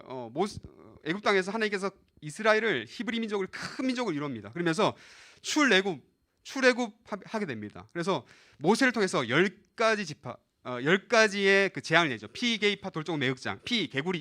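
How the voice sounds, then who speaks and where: A man's voice: high-pitched, big pitch swings, brisk, bright, forceful tone. A man preaching a live sermon as pastor, addressing the young listeners directly and acting out the voices in the scripture. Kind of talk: live sermon to a youth service.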